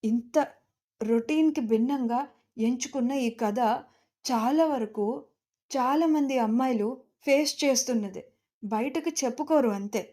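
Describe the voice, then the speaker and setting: A woman's voice: on the high side, a little slow, long pauses, mellow. A woman narrating a first-person audio story with emotion, turning to speak directly to her listeners.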